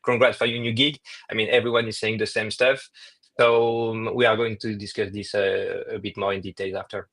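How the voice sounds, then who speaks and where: A man joins a webinar as a guest over a video call. His voice is bright and flat, and his speech is halting, with many fillers along the way. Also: fairly low pitch. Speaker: guest speaker. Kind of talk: webinar talk.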